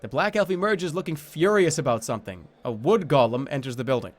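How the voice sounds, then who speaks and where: A man's voice: a little high, animated, fairly quick. A man streaming a game, reading the story text aloud as narration and dropping informal, offhand commentary. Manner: informal, switches between dramatic reading and offhand asides.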